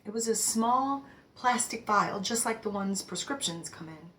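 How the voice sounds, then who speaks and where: A devout older mother tells her story very slowly and reflectively, played by a woman in a stage read-through. Her voice sits at a mid pitch and sometimes sinks into a soft whisper. It is a measured, heartfelt dramatic monologue. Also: animated, slight background noise. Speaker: actor reading a monologue.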